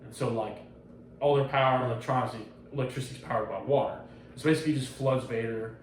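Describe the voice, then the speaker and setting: A man's voice: mid-range voice, fast talker, slight background noise. A man hosting a casual podcast, retelling a story with lots of swearing and laughter. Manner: profane, excited retelling, laughs often. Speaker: podcast host. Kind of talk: casual chat. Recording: roomy echo, distant mic, faint ambience.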